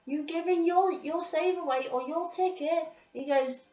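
A teenage girl vents her pet peeves to camera with plenty of swearing. Her voice sits high and she talks at an unhurried pace. The sound is roomy, a bit distant from the mic and dull, like a cheap home recording. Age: teens. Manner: swearing, exasperated complaining. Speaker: vlogger. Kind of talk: ranting to camera.

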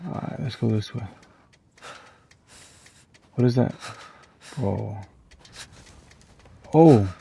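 A man's voice: on the low side, steady tone, slow, vocal fry, mellow, a little hiss or hum. A young man giving casual, slangy commentary while playing a horror game, jumpy and easily spooked. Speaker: gaming streamer. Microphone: headphones with mic.

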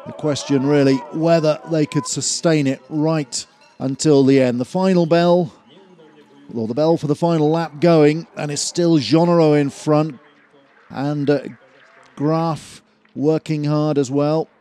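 A man commentating on a cross-country ski race, measured and full of fillers, rising in energy near the finish. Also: fairly high pitch, steady tone, mellow. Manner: measured, hesitant with frequent fillers, builds at the finish. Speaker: sports commentator.

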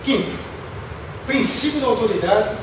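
A middle-aged Brazilian lecturer, formerly a UFO researcher, gives a public talk on an indoor auditorium stage, deliberate and emphatic as he poses rhetorical questions and lists points. His voice is extremely high-pitched and animated, picked up from far off in a noisy, echoey hall.

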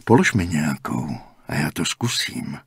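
A man voicing a calm, cryptic older male gas station attendant in an audiobook, speaking slowly and matter-of-factly in a hushed, half-whispered way. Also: rumbling low, vocal fry, slightly rough, dry recording, studio quality, voice pushed down, full character voice.

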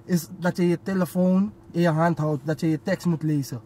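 A man's voice: a little high, fairly even intonation, moderate pace, dark tone. A young man chatting casually and telling personal stories in street slang mixed with English, with repeated filler phrases. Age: young adult. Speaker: rapper, guest. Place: inside a parked car.

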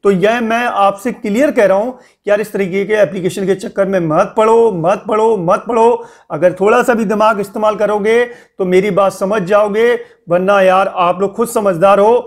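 A young man hosting a casual spoken news update, warning his viewers and scolding them with repeated pleas. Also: high-pitched. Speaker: news channel host.

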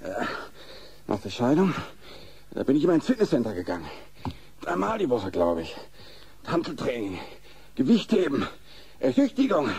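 An actor playing a flirtatious, sarcastic, rebellious patient with a husky voice in a German horror radio play. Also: male voice, mid-range voice, huge pitch swings, normal speed, pauses often, a little mellow, exaggerated voice. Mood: cheeky. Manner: insistent, cheeky.

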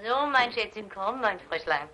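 A woman's voice: a little high, lively intonation, fast talker, natural voice. A woman dubbing a doting middle-aged wife and new grandmother in a German film, fussing and cooing.

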